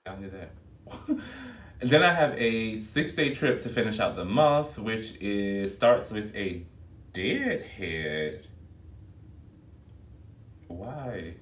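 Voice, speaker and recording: A man speaking in a fairly low voice chats through his work schedule in a loose, expressive way, calling his viewers y'all. He is recorded on a phone video set back from him, so the voice sounds distant and echoes around the room. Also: slow pace, long pauses. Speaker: flight attendant vlogger. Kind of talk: casual vlog chat to viewers.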